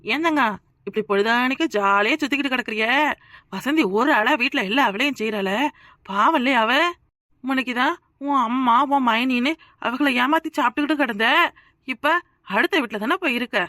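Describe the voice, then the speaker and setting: A woman's voice: sits high, a little fast, bright, forceful tone, no echo, studio quality. A woman voicing a blunt, sarcastic village woman who scolds in a cartoon. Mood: scolding. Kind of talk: cartoon voice acting.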